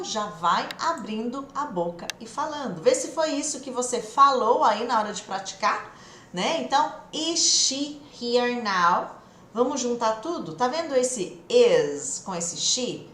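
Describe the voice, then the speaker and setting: A woman from Brazil who speaks Portuguese natively, teaching an English lesson live and lively, repeating phrases for practice. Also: fairly high pitch, echoey room, a little hiss or hum.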